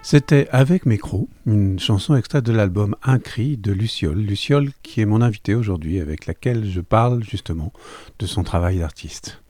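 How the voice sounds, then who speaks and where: A man's voice: lowish voice, normal speed, dark tone, soft background music. A man hosting a radio interview, enthusiastic and full of restarts. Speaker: radio host. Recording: dull lo-fi radio sound.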